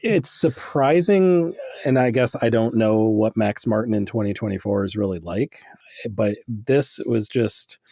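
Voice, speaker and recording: A man's voice: fairly low pitch, unhurried, dark tone, no echo, clean studio sound. A man co-hosting a music podcast, chatting casually with rambling, self-deprecating remarks and casual swearing. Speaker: podcast co-host reviewing albums. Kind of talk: casual music review chat.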